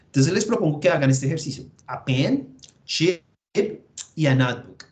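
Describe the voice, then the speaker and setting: A man with a Colombian accent and a fairly high-pitched voice teaches an online class through his computer mic. He explains each step slowly and patiently, thinking aloud as he goes. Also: expressive, a little mellow. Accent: Colombian Spanish. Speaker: English teacher.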